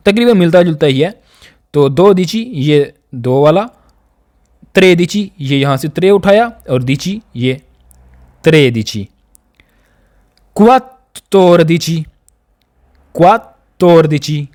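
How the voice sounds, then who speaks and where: Male teacher, slightly high voice, slow deliberate drilling, patient. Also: darkish tone. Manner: patient, drills each word slowly twice. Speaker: language teacher. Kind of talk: slow classroom lesson, repeating words.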